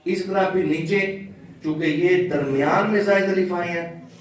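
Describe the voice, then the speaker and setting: A man teaching Quran recitation in a patient, step-by-step way, chanting example words slowly. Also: sits high, fairly even intonation, heavy reverb, far from the mic, low-quality recording. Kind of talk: slow religious lesson with chanted examples.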